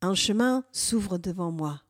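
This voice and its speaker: A woman narrating a first-person guided meditative journey in a slow, hushed voice that sometimes drops to a whisper. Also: lowish voice, animated. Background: faint music.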